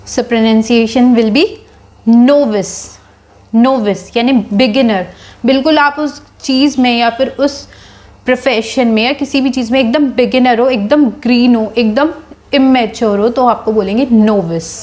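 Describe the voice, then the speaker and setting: A woman teaches English vocabulary in a relaxed lesson, switching between Hindi and English. She sounds out each word slowly and carefully, and her voice sits a little high. She speaks to her viewers as friends. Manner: slow, deliberate over each English word.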